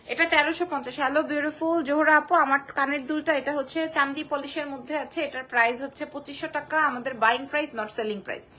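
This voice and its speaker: Bright high-voiced woman selling on a live stream. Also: fairly even intonation. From Bangladesh. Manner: rapid sales patter, repeats prices and sizes. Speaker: online clothing shop seller. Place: small clothing shop indoors.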